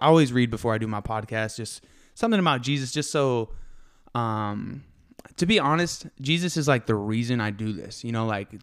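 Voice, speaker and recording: Young man, podcast host, smooth resonant voice, excited and slightly breathless, rambling casual talk. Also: mid-range voice. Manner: hyped, rambling, many fillers. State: a little out of breath. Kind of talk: casual faith podcast monologue.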